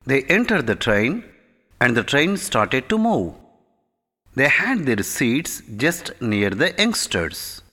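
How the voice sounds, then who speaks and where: Male teacher for a children's lesson, reads slowly and clearly, bright and animated, with a reverberant hall sound. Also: medium pitch. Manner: slow, clear, instructive reading. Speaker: teacher reading an English lesson. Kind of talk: scripted lesson narration.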